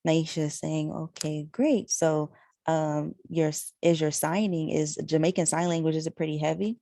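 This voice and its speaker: A woman's voice: low voice, steady tone, moderate pace, gravelly, mellow, no room sound, studio quality. A woman interpreting a signed discussion aloud, relaying each speaker in the third person with frequent fillers. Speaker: sign language interpreter. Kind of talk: voicing signed conversation.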